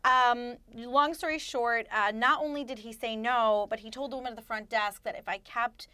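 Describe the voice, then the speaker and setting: A woman guest on a chat podcast, telling a story with a sweet, nice voice and an animated manner. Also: fairly high pitch, normal speed, clear, resonant tone, no room sound. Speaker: podcast guest, food editor.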